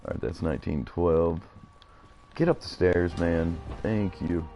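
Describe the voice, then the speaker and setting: Low-voiced man rambling over live gameplay. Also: steady tone, measured pace, highs cut off, soft background music. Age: 30s. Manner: rambling and chatty, talking to his viewers. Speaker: live game streamer. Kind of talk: casual live gameplay commentary.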